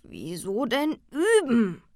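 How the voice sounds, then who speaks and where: A woman's voice: fairly high pitch, huge pitch swings, takes it slowly, darkish tone, no echo, studio quality, pitched above the performer's own voice, heavily acted. A woman voicing a surly, shaggy male creature who grumbles and sulks. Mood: whiny grumbling. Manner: grumbling, sulky, dull. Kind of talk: storybook character voice.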